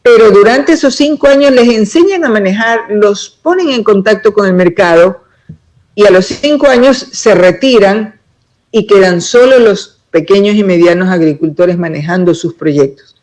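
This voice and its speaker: A woman's voice: medium pitch, normal speed, a little mellow, poor audio. Emphatic woman politician. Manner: emphatic, expansive, talks in long explanations. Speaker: political pre-candidate guest. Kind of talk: casual interview answers.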